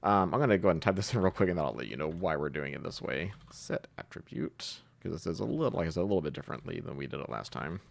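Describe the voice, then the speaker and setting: Thinking aloud as he types, a programming tutorial host walks through his code step by step in an informal way. His low-pitched voice is creaky and lively in intonation, and he talks fast with few pauses.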